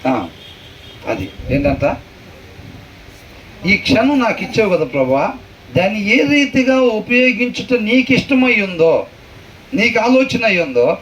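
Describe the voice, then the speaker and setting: A man teaching a Bible lesson as a pastor, questioning his listeners and repeating verses slowly. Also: high-pitched, a bit bright. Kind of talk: conversational sermon with questions to the room. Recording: far from the mic, faint noise.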